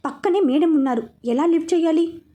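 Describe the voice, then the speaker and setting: A woman's voice: very high-pitched, a little fast. A woman voicing a young wife who talks sharply and stubbornly. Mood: feisty. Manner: sharp, sulky, determined.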